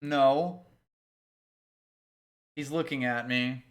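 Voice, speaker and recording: A man's voice: medium pitch, steady tone, very slow. A man co-hosting a casual video game playthrough, explaining things with dry humor. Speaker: video game let's play co-host. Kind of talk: casual gameplay commentary.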